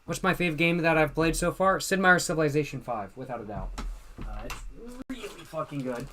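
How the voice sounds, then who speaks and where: His voice runs a little high, brisk, bright and forceful. In his twenties, he hosts a livestream in a tipsy, easygoing mood, fielding viewer questions from chat with slang and repeated lines.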